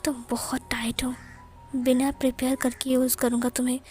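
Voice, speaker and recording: A woman's voice: high-pitched, steady tone, normal speed, mellow, soft background music, lightly acted. Woman voicing a stern, possessive young man.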